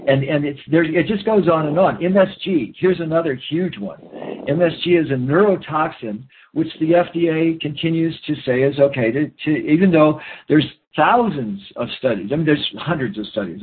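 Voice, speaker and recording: A man's voice: mid-range voice, a little hiss or hum. A man talking earnestly in a rambling interview, often restarting his sentences. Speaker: guest. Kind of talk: conversational interview talk. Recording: phone-line audio, husky.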